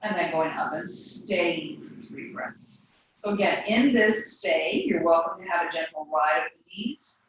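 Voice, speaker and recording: A woman teaching a yoga class, giving calm cues timed to the breath. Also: on the low side, measured pace, background noise. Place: yoga studio. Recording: echoey room, voice from a distance.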